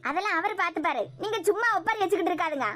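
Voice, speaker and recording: A woman with a Kanyakumari Tamil accent voicing a calm, sensible middle-aged mother in a cartoon web series. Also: very high voice, very fast, heavily acted. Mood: reassuring. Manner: soothing, matter-of-fact.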